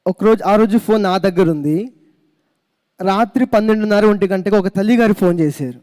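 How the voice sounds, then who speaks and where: A man preaching a sermon in a high voice, telling his story with animation and calling out hallelujah. His words ring through an echoey church hall. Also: fairly quick, darkish tone. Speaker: pastor.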